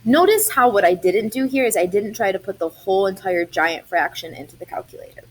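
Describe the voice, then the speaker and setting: A woman's voice: mid-range voice, lively intonation, a little fast, breathy edge. A young adult woman, a math teacher, explaining algebra step by step in a chatty recorded lesson.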